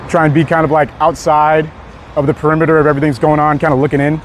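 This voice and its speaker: A man's voice: on the high side, level tone, fast talker. Laid-back man streaming from the street. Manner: laid-back, laughs often, reads chat aloud. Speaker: live streamer. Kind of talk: casual live-stream chat. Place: outdoors on a city street. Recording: faint street noise outdoors.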